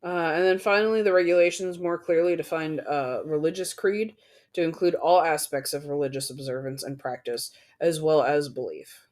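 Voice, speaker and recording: A podcast co-host in casual chat, lively, with sarcastic asides and casual swearing. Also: mid-range voice, normal speed.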